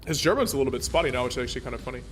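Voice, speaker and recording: A man's voice: mid-range voice, expressive, rapid-fire, fairly bright tone, faint music behind. A man streaming a naval warship game, chatting casually and rambling with plenty of fillers and restarts. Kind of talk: casual gameplay commentary.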